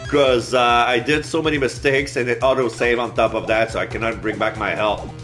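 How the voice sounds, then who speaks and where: A man's voice: mid-range voice, fairly even intonation, fairly quick, fairly bright tone, soft background music. A man playing a video game, reading its dialogue aloud and commenting as he goes.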